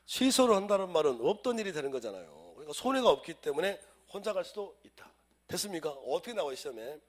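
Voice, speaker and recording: A man whose voice sits high teaches civil law for exam prep, using chants to drill his students and acting out everyday situations to make the rules clear.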